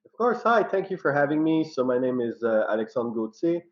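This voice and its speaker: A man who is a cultivation director, introducing himself in a friendly, slightly halting way on a panel. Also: mid-range voice, big pitch swings. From Canada. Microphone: video call. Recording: dull lo-fi audio.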